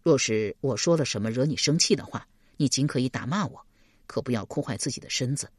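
A woman voicing an earnest young man who speaks softly and politely. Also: very deep voice, big pitch swings, a little fast, dry recording, studio quality, voice pushed down, exaggerated voice. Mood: gentle, earnest. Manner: soft and polite.

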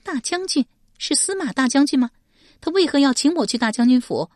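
A woman's voice: high-pitched, big pitch swings, a little fast, dry recording, clean studio sound, pitched above the performer's own voice. A woman voicing a proud, hot-tempered young woman who snaps sharply at people. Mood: sharp, indignant. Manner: sharp and scolding.

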